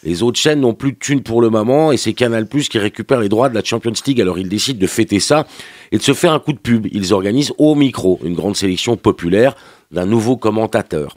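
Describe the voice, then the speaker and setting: A man's voice: lowish voice, lively intonation, brisk, a little mellow, dry recording, clean studio sound. A man with a French accent delivering a sarcastic, slangy TV review as a morning radio columnist. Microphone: studio microphone.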